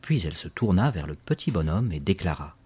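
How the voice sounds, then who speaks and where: A man narrating an audiobook, reading expressively and slowing to spell out words. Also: low-pitched, very animated, dark tone, husky.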